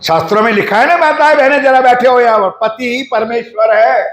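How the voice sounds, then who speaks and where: A man delivers a devotional sermon in a high voice. He asks his listeners questions directly and slows down to chant mantras. The sound rings around an echoey hall. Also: fairly bright tone. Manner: addresses the audience directly with questions. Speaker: preacher. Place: ashram hall.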